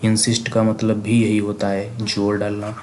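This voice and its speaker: Low, flat-voiced Indian man teaching vocabulary. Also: moderate pace, a little hiss or hum. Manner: repetitive, asks and answers his own questions. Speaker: exam prep teacher. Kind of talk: vocabulary lesson, spelling words aloud letter by letter.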